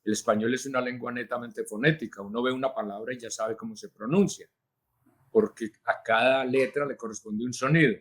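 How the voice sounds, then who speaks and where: A man, a linguist answering interview questions in a measured, teacherly way, with frequent hesitations. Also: mid-range voice, steady tone, fairly bright tone. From Colombia. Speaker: linguist and journalist, interview guest.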